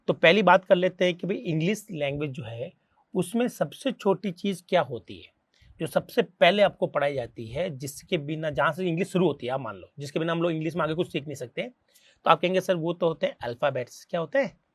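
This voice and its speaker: A man's voice: fairly high pitch, animated, brisk, no echo, studio quality. A man with an Indian accent teaching programming in a conversational tutorial style, asking questions and answering them the way his students would. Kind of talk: classroom-style tutorial explanation.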